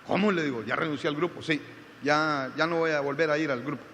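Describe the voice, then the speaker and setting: High, bright-voiced preaching pastor. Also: male voice, fast talker, long reverb tail, a little hiss or hum. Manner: preaching with rising, shouted emphasis and storytelling. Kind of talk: sermon. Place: church.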